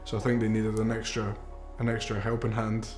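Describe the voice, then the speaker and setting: The voice is fairly low, monotone and brisk: a young man in his twenties, raised in Mexico, telling his grandfather's story for a documentary. He sounds earnest and reflective, uses some fillers, and music runs underneath in a roomy recording.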